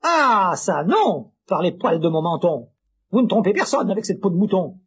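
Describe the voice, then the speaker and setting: A man's voice: sing-song, moderate pace, a bit bright, dull audio, a little hiss or hum, exaggerated voice. A man voicing a defiant, indignant young pig in a storybook record with music. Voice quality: high, shrill, indignant.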